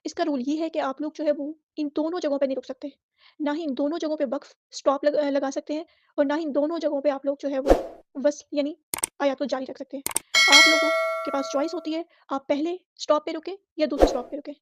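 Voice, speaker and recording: A woman with a Pakistani Urdu accent teaches Quran recitation, breaking down each letter before chanting the verse slowly. Her voice sits high and stays fairly level. The recording is dry and a little dull. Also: steady tone, a bit bright, no room sound. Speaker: Tajweed teacher.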